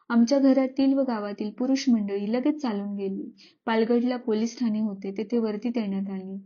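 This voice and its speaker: A woman storyteller reading a classic story aloud in a measured, expressive way. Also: fairly high pitch, lo-fi sound. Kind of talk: scripted narration of a classic story.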